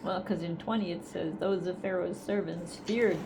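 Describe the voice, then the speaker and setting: A woman in a casual group Bible study who reads out a verse and then explains it in a measured way. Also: fairly low pitch, steady tone, creaky. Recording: noisy recording, distant from the mic.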